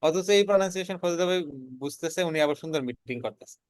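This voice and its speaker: Fast-talking man, earnest. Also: fairly high pitch, smooth, no echo. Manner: earnest, repeats words while building a point. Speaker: freelancer guest. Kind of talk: casual conversational storytelling.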